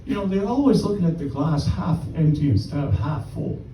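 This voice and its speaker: A man in his sixties doing stand-up, rambling from one wry story to the next. His voice is high and animated yet mellow in tone, and it comes from a distance with a roomy echo. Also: brisk, a little hiss or hum. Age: 60s. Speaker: stand-up comedian. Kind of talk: stand-up comedy set. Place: live comedy stage.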